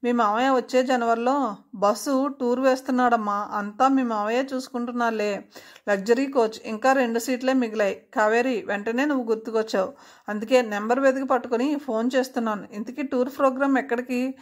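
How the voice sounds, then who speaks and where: Rambling old aunty on the phone, chatty, a woman doing her in a highish voice, story reading. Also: fairly even intonation, a little fast, natural voice. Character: chatty older aunt on the phone.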